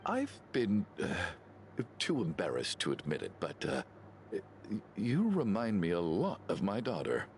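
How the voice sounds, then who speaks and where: A man's voice: low voice, wildly swooping pitch, measured pace, a little hiss or hum, heavily acted. An actor playing a kindly, fretful middle-aged father in a video game, speaking in a hesitant, stammering way. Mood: gentle, sheepish.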